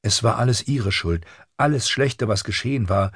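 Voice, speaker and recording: A man narrating a fantasy audiobook in a measured, even storytelling manner. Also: lowish voice, breathy edge, dry recording, studio quality. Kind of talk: scripted narration. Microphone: studio microphone.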